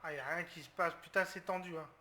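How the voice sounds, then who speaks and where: Bright-voiced tense French gamer. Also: male voice, a little high, fast talker, a little hiss or hum. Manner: tense, talks through his tactics, bursts into loud outcries. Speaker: gaming video creator. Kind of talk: live football game commentary.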